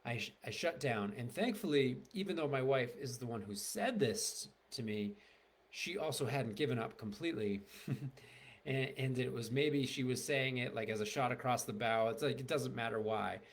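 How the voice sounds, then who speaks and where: A man's voice: mid-range voice, moderate pace. A middle-aged man, a marriage and family therapist, candidly telling a personal story to the camera, rambling with many fillers and restarts.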